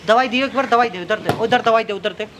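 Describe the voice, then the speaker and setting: A man playing a bossy stranger in a comedy skit who keeps ordering a rude wife around. His voice sits fairly high. Clear background noise runs behind him. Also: fast, close to an everyday voice. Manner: bossy, insistent. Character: pushy male stranger scolding a rude wife. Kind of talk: comedic sketch acting.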